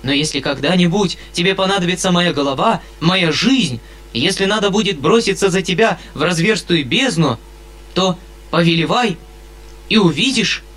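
A man's voice: sits high, animated, normal speed, a bit bright, pitched above the performer's own voice. Male reader doing an overwrought, big-hearted colonel. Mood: fervent. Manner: fervent, overwrought. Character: emotional, good-hearted middle-aged colonel.

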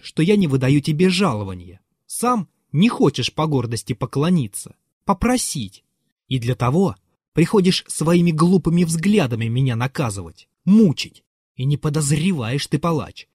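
A bitter, furious man, as a male reader plays him rants at his servant in a raised voice. His pitch swings widely while he shouts, and the sound is dry and close. The outbursts sound loud and strained. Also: breathy edge, no echo.

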